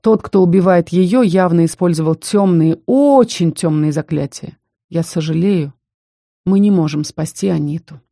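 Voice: medium pitch, vocal fry, warm tone, no echo, studio quality, natural voice. A narrator voicing a cold, stern young mage. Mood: somber. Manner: cold, firm, measured. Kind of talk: audiobook character reading.

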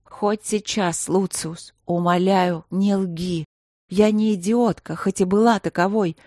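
A woman reading a novel aloud, voicing a desperate, furious queen who shouts and sobs accusations at her husband. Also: mid-range voice, fairly even intonation, slow, no room sound, studio quality. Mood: anguished fury.

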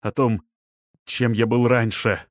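A man's voice: medium pitch, takes it slowly, no room sound, natural voice. A man doing a bitter, resigned older man. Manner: flat, resigned, shrugging. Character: bitter weary middle-aged man.

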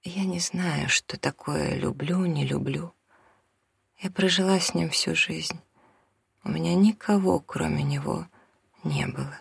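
A reader voicing an abandoned, worn-out mother who talks quietly and half-whispers from exhaustion. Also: mid-range voice, a little slow, vocal fry, breathy edge, no room sound, studio quality, full character voice. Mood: exhausted. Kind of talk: audiobook character reading.

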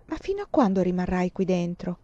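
Woman reader voicing a young woman student, gentle, mild questions, mellow tone, dull lo-fi sound. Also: lowish voice, big pitch swings, a little fast, no room sound. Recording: dull lo-fi recording.

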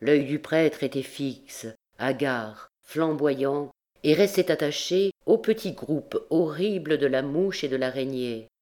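Slow, measured woman audiobook reader. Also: sits low, darkish tone. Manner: slow, measured literary reading. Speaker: audiobook narrator. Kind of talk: scripted narration.

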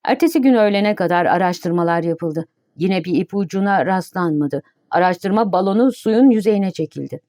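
A woman narrating an audiobook in a steady, even reading voice. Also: on the low side, normal speed, no echo, studio quality.

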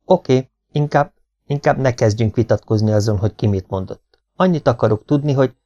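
A man voicing a brisk, matter-of-fact police officer questioning a family. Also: mid-range voice, mellow, natural voice. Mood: businesslike. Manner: businesslike questioning. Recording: dull lo-fi recording.

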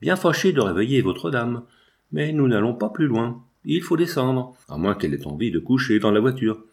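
A man's voice: mid-range voice, sing-song, moderate pace, gravelly. Man reading a grumbling omnibus conductor for an audiobook, blunt and unmoved. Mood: gruff. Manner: blunt, colloquial. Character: grumbling middle-aged male omnibus conductor, stolid.

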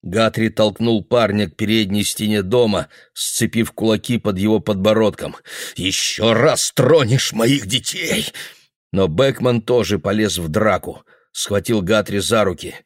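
A man reading a novel aloud in a steady, even narration. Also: on the low side, normal speed, few pauses, no echo, clean studio sound. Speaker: audiobook reader. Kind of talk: literary narration.

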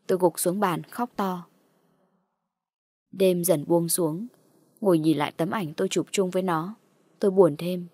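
A woman's voice: lowish voice, steady tone, measured pace, long pauses, darkish tone, dry recording, studio quality. A woman narrating a first-person horror audiobook in a dramatic, tense storytelling manner.

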